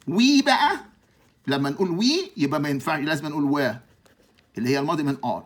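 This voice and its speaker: Egyptian man teaching grammar, higher voice. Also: fairly bright tone. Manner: asks himself questions, repeats rules patiently. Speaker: English teacher. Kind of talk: explaining grammar lesson.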